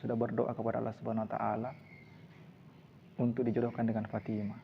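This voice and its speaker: A man's voice: mid-range voice, flat delivery, fast talker, creaky, lightly acted. A man voicing an earnest young suitor who talks politely and keeps repeating his forms of address, on a dull lo-fi recording with faint hiss.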